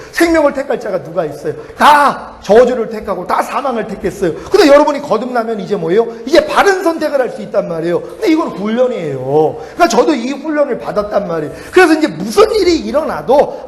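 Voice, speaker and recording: Brief: middle-aged male preacher, high animated voice, storytelling sermon with laughs, church reverb. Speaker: pastor. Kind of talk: revival sermon. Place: church sanctuary. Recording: echoey church hall.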